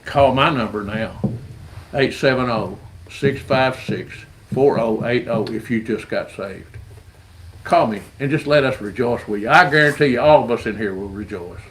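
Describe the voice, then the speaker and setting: A man's voice: mid-range voice, normal speed, rough recording. Man, evangelistic testimony, plain folksy delivery with stammered restarts, faint noise behind. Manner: earnest, folksy storytelling with stammered repeats. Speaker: street rodder sharing his faith.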